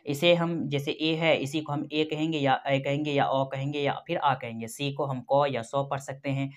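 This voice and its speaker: A man's voice: medium pitch, fairly even intonation, moderate pace. A male teacher giving a recorded lecture, methodically spelling words out letter by letter and repeating each rule. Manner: methodical, explanatory.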